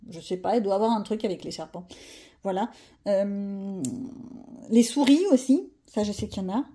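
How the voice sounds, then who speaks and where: A woman's voice: medium pitch, normal speed, mellow, slight background noise. A woman chatting casually to her viewers while she colors, thinking aloud and joking about herself. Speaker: coloring vlogger.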